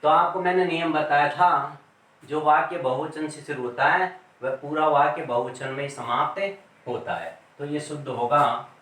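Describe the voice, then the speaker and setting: Slow, echoey teacher at a board. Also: male voice, a little high, fairly even intonation, a bit bright, distant mic. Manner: slow, deliberate, repeats words while writing on a board. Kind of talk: classroom grammar lesson.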